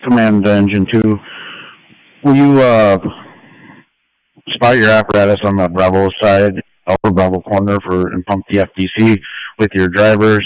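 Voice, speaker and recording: Male fire commander, low smooth voice, urgent firefighter radio delivery, procedural orders over dry two-way transmission. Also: no room sound, rough recording. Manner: procedural, instructing. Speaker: firefighter incident commander on scene.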